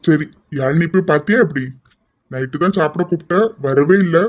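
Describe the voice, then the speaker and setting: Man voicing a steady, instructing father, slightly high voice, lo-fi recording. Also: moderate pace, natural voice. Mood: firm. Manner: firm, instructing. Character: firm middle-aged father arranging a wedding. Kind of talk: amateur family drama. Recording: dull lo-fi recording.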